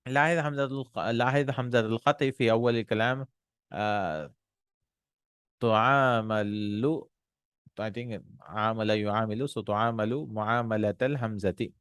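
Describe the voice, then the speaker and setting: A man teaching an Arabic textbook lesson. He reads Arabic lines quickly, then translates and explains them slowly in with many pauses and restarts. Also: on the low side, fairly bright tone, clean tone, no room sound.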